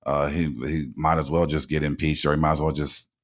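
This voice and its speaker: A man's voice: rumbling low, little pitch movement, a little fast. A man hosting a casual talk radio show, blunt and informal, rambling with frequent restarts and repeated words.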